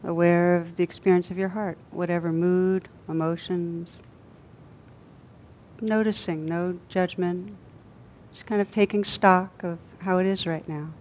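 A woman meditation teacher leads a guided meditation in a slow, low, steady voice. She speaks gently and unhurriedly, in short phrases separated by long pauses. The recording sounds dull and muffled, with a faint rumbling noise.

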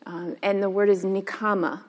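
A woman's voice: medium pitch, normal speed, darkish tone. A woman teacher giving a casual dharma talk, chatty and full of "like" and "um". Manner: casual, chatty, many fillers. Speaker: meditation and yoga teacher. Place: meditation hall. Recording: long hall reverb.

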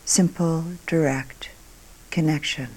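A female meditation teacher leads a guided meditation in a calm, unhurried way, using short phrases separated by long pauses, her voice growing soft and breathy as each phrase ends. Her voice sits low, and the recording is rough.

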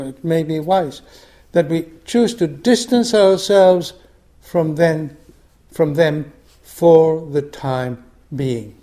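An older Argentine man, a teacher for a meditation group, gives a reflective dharma talk with frequent restarts. His voice is on the high side and warm in tone.

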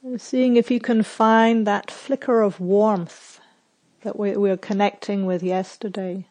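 This meditation teacher speaks in a mid-pitched, steady tone, guiding the session very slowly. Her gentle directions come in short phrases, and she leaves plenty of quiet space between each one.

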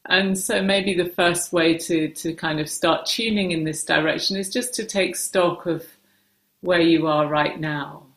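A meditation teacher, female, guides listeners gently using short, leisurely phrases punctuated by hesitant pauses. Her fairly even, lowish voice echoes in the roomy space where she was recorded.

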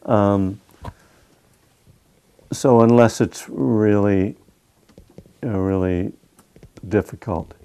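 In a meditation hall, a male meditation teacher runs a relaxed Q&A, easygoing and wry, with many fillers. His lowish, dark, clean-toned voice stays fairly even, and he speaks very slowly with long pauses.

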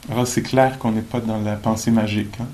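A man giving a dharma talk at a meditation retreat, thoughtful and gently joking, pausing often with fillers. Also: lowish voice, flat delivery, poor audio. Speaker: meditation teacher.

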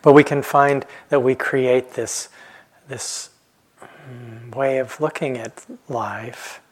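Slow, reflective man in his fifties. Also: medium pitch, slightly rough. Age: 50s. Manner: calm, reflective, pausing often with soft trailing phrases. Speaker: meditation teacher. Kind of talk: dharma talk. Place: retreat center hall.

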